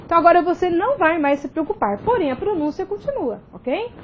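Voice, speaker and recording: A woman's voice: very high voice, very animated, brisk, highs cut off, a little hiss or hum. A Brazilian woman teacher giving a recorded grammar video lesson, explaining step by step and often checking in with tag questions. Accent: Brazilian Portuguese.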